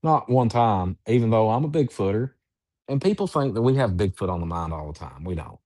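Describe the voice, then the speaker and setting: A man who researches Bigfoot, telling a story in a halting, drawn-out way with many restarts. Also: fairly low pitch, animated, darkish tone, no room sound, clean studio sound. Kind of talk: storytelling in an interview.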